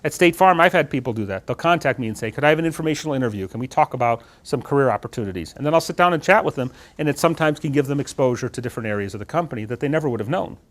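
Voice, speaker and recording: A middle-aged man giving a lively talk on job interviews to a room of students, often turning to ask them questions. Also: medium pitch, very fast, few pauses. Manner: animated, talks with his hands, asks the audience questions. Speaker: guest speaker on job interviews. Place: lecture room with student audience.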